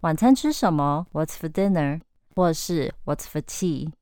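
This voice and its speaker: Woman teacher, lowish smooth voice, dry close-miked sound, slow modelled phrases. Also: lively intonation, a little mellow, no room sound. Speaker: English teacher. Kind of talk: scripted language lesson.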